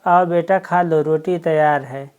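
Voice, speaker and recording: A woman's voice: low-pitched, steady tone, measured pace, a little mellow, highs cut off. A woman voicing a curt, dismissive middle-aged village stepmother in a storybook reading. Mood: kind.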